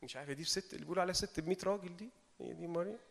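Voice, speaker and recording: A man with an Egyptian Arabic accent preaching an informal sermon, animated and asking his audience rhetorical questions. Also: high voice, racing, creaky, in a large hall. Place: meeting hall.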